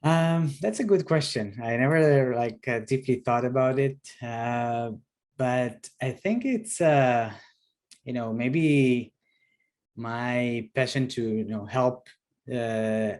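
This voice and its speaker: Israeli man, halting with many fillers. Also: medium pitch, a little mellow. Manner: hesitant, many fillers and restarts. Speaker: startup CEO guest. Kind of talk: video call interview.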